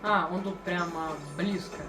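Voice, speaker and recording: A woman's voice: lowish voice, steady tone, a little slow. A woman giving casual commentary over a game as its host, amused and urging the action along. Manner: amused, repeats urgings and echoes game lines. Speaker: gameplay video host. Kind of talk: casual let's play commentary. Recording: echoey, distant mic with game music behind.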